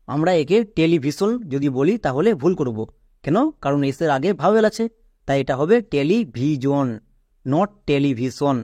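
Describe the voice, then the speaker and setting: A man walks through English pronunciation rules, raising his own questions and then answering them. His voice sits a little high for a man. The recording is dry and close, with no room sound. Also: darkish tone, no echo. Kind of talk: step-by-step spoken lesson.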